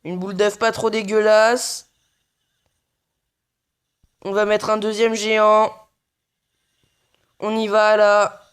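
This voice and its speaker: Young male gamer, slow unhurried delivery, mumbled running commentary with frequent swearing. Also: high voice, level tone, fairly bright tone, clean tone. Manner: mutters play-by-play, swears often. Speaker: gaming video creator. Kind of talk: casual gameplay commentary.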